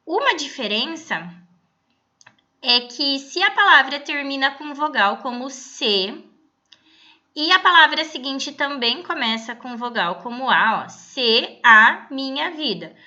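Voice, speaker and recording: A woman teacher giving a recorded online lesson, explaining patiently and reading verses slowly aloud. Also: high voice, lively intonation, bright, forceful tone, lo-fi sound.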